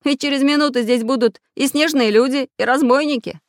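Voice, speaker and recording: A man voicing a brisk, resourceful tinker who leads the group, talking energetically in an audiobook. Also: very high-pitched, dry recording, clean studio sound, pitched above the performer's own voice. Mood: urgent. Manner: energetic, commanding.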